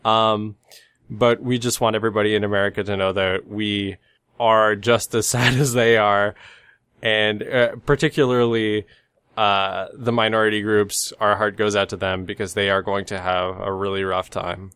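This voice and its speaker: A man's voice: fairly low pitch, little pitch movement, moderate pace, fairly bright tone, clean tone. A man with a slightly nasal, stuffed-up voice from a cold, co-hosting a casual podcast. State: congested from sneezing. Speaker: podcast co-host.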